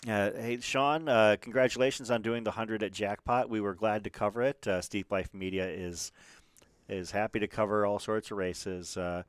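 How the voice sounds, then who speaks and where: A man's voice, low and clean, recorded dry and close with no room sound. He commentates a live stream in a loose, chatty way. He keeps stumbling into fillers and restarts. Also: steady tone, moderate pace, clear, resonant tone, dry recording. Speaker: livestream race commentator.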